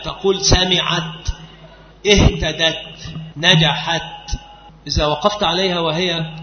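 A man teaching a classical grammar lesson, patiently repeating and drilling example words. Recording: echoey hall, dull low-fi sound.

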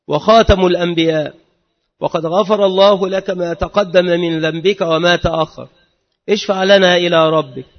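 High-voiced man reading religious texts. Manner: measured, formal recitation. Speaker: religious teacher. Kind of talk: reading and explaining hadith. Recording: dull lo-fi recording in a reverberant hall.

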